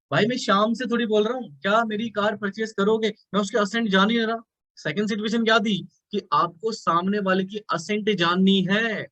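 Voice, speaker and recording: A man's voice: high voice, fairly bright tone, no room sound. A young adult man with an Indian accent teaching a live online class, mixing Hindi and English and coaxing his students to answer. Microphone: live class recording. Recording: dull lo-fi sound.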